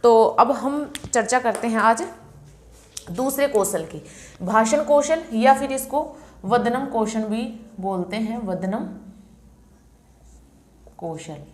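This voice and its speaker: In this exam-prep lecture, a woman teaching Sanskrit speaks with a fairly high, expressive voice. Self-assured, she shares exam tricks and slows down to repeat important terms for memorisation.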